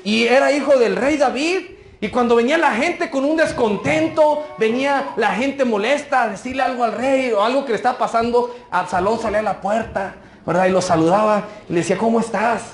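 A man's voice: very high voice, fairly quick, roomy sound. A male pastor preaching a conversational sermon, often tossing in rhetorical asides to the congregation.

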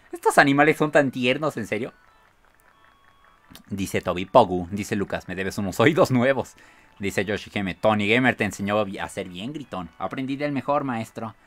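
Mexican male streamer, bright voice, shrieks and laughs a lot while reading chat. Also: on the low side. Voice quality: bursts into shrieks and squeals of excitement, laughs often. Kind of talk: excited gameplay commentary, reading chat aloud.

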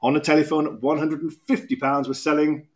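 A man's voice: fairly high pitch, little pitch movement. British man calling bids at auction. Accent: British English. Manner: brisk, repetitive bid calling with quick asides. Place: auction room podium, indoors.

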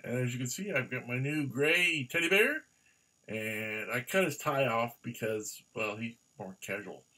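A middle-aged man reviews products casually in the manner of a showy announcer. His pitch swings widely and animatedly. The voice is picked up some distance from the mic in a room at home. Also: animated, measured pace, pushed and bright. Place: small room at home, indoors.

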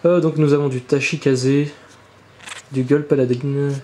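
A man's voice: medium pitch, steady tone, moderate pace, dark tone, echoey room, slight background noise. A man hosting a casual card-unboxing commentary, chatty and rambling, swearing now and then. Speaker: channel host opening trading card boxes. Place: indoor room with birds outside.

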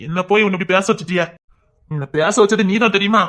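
A man's voice: high voice, fast, sharp tone. A man dubbing an earnest, principled young man in a comic serial spoof, with a Tirunelveli Tamil accent.

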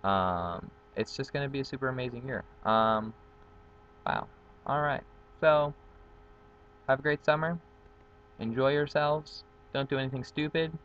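A young college dorm community facilitator from Guatemala, a native Spanish speaker, talks about himself in a casual, upbeat vlog heavy with ums, shot close on his webcam's built-in mic on a tree-lined patio outdoors. His mid-range voice is a bit bright and unhurried, with long pauses. The recording is muffled, with slight background noise.

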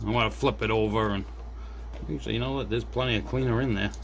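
A middle-aged hobbyist who makes repair videos talks through a fix at an indoor desk, thinking out loud for viewers in a relaxed, unscripted way. His voice sits on the low side, creaky and fairly even in intonation, and he speaks quickly. Room ambience and background noise can be heard.

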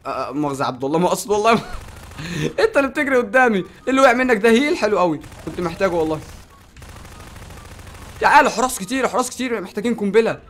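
A young man with an Egyptian Arabic accent hosting a game video, giving excitable commentary, shouting orders and cheering his teammate on. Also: sits high, racing, a little hiss or hum. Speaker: gaming channel host.

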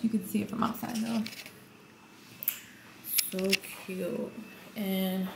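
Young woman doing a chatty hotel tour vlog, kinda gravelly voice, half whispering sometimes, echoey tiled bathroom. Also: medium pitch. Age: young adult. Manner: chatty, gushing, often drops to a near whisper. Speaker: vlogger. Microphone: handheld camera at arm's length. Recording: echoey tiled room, faint hiss.

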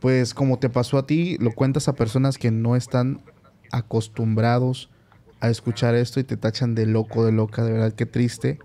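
A man's voice: medium pitch, little pitch movement, normal speed, dark tone. A man hosting a podcast, reassuring a caller in a sympathetic way. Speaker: podcast host.

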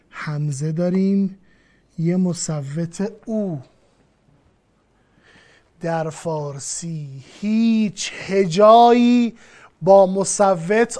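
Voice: mid-range voice, a little mellow. Teacher going over a lesson step by step, repeats stuff, talks right to the student. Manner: explanatory, repeats and addresses the student directly. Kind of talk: classroom lesson.

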